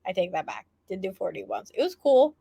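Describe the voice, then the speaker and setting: A woman's voice: mid-range voice, sing-song, vocal fry, mellow, breathy edge, dry recording. Easygoing woman co-host, dry sound. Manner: easygoing, quick agreeing replies. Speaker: podcast co-host. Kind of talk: casual chat.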